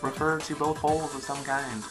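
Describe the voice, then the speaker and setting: A man's voice: medium pitch, flat delivery, moderate pace. A young man co-hosting a video in a casual, playful back-and-forth debate. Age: young adult. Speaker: video co-host. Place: small living room, indoors on a sofa. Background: music.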